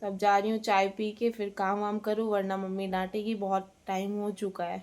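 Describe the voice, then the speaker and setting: A young woman chatting casually to her viewers in a daily-life vlog, relaxed and talkative. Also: mid-range voice, normal speed. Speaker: vlogger.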